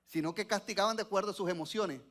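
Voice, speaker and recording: A man's voice: high-pitched, quick pace, a bit bright. A male pastor preaching a sermon to a church congregation, asking them questions and waiting for their answers.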